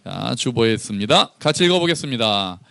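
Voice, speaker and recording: A man's voice: medium pitch, very animated, a little fast, creaky, pushed and bright, clean tone, no echo, clean studio sound. A man, a pastor, preaching a conversational sermon and acting out dialogue between the characters.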